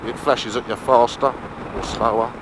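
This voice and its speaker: A man's voice: medium pitch, level tone. A man giving casual, colloquial review commentary from inside a helmet while riding a motorbike. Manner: colloquial, unhurried thinking aloud. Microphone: mic inside or on the helmet. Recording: muffled helmet mic, clear wind and engine noise.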